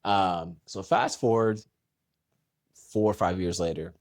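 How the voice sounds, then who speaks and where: A man with a lowish voice tells a story in casual chat, rambling and restarting as he goes. He turns animated when he slips into other voices. The sound is dry and close. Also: slow, dry recording. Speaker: podcast co-host.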